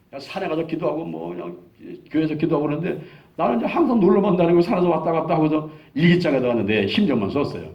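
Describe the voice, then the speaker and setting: A man in his sixties, a pastor, telling a testimony in a sermon, acting out the lines of the people in his story. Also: on the low side. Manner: animated storytelling, acting out quoted dialogue. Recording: dull lo-fi sound.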